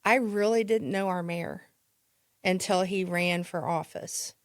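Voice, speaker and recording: Slow-talking woman with a gravelly voice. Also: fairly low pitch, no echo, studio quality. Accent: Midwestern American. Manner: chatty, with restarts and laughs. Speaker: podcast guest, real estate agent. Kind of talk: casual storytelling.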